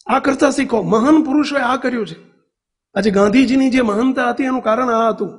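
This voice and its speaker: High-voiced Gujarati man preaching. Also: brisk. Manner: storytelling, asks the audience questions. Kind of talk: devotional sermon.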